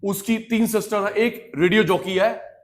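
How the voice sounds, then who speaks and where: A man teaching a class, telling stories to his students and then lecturing loudly and with emphasis. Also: high voice, measured pace. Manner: animated, addresses students directly, swings from quiet storytelling to loud emphasis.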